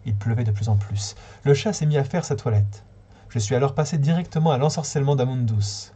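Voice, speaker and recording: Mellow, husky-voiced male storyteller. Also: mid-range voice, brisk. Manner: calm, steady storytelling with small slips. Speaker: reader. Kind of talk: reading a short story aloud on a livestream.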